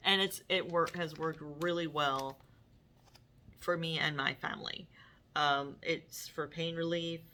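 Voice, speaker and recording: A woman's voice: low voice, steady tone, slow, long pauses, bright, forceful tone, slight background noise. A middle-aged woman hosting her own vlog, talking casually to viewers with many fillers and restarts. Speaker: vlog host. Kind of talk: casual talk to camera.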